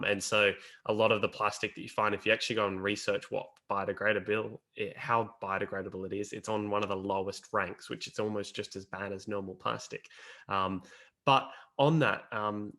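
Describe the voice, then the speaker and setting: A man explains in a casual, conversational style. His voice is slightly low but bright and crisp-edged. He feels his way haltingly through each point.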